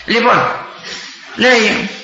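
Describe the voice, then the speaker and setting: An older man from Greece, a priest and former army chaplain, preaching with impassioned storytelling that rises to near-shouts. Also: extremely high pitch, gravelly, slight background noise. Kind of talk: storytelling sermon. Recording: echoey, dull lo-fi room recording.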